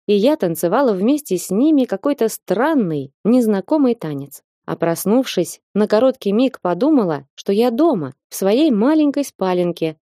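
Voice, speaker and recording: A woman narrating an audiobook in a lively way and acting out the characters. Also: fairly low pitch, dry recording, clean studio sound. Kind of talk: audiobook reading.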